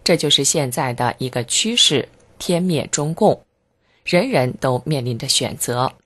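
Narrator, middle pitch, measured scripted reading, earnest with fervent emphasis. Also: lively intonation, a bit bright. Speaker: reader of a first-person testimony.

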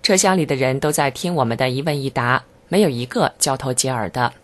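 Narrator, middle pitch, measured scripted reading, earnest with fervent emphasis. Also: animated, a bit bright. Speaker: reader of a first-person testimony.

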